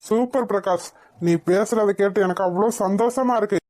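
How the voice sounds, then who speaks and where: A woman's voice: mid-range voice, normal speed, a little mellow, lightly acted. A woman voicing a scheming, boastful, wealthy middle-aged father in a cartoon. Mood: smug. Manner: boastful, dismissive. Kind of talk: animated cartoon voice acting.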